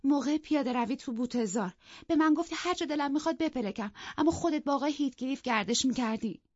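A woman voicing a tearful, jealous and petulant young woman in an audiobook, her voice high and strained. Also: expressive, no echo. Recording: dull, dry lo-fi recording.

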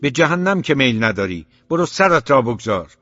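A man reading the part of a stern, hot-tempered father who scoffs and shouts. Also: lowish voice, no echo, muffled recording, natural voice. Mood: furious. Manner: scornful, shouting outbursts.

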